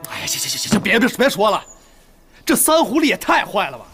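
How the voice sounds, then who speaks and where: An actress playing an excitable, slow-witted young woman of the household who stammers when agitated, in a period TV drama. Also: low-pitched, slightly rough, faint music behind, exaggerated voice. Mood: flustered. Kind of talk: Chinese period TV drama, dubbed dialogue.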